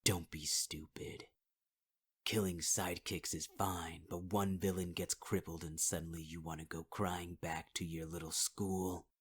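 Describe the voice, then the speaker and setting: A husky, low male voice with flat, unhurried delivery performs a possessive villain in ASMR audio. He leans in near the mic, half-whispering taunts and addressing the listener as sweetheart.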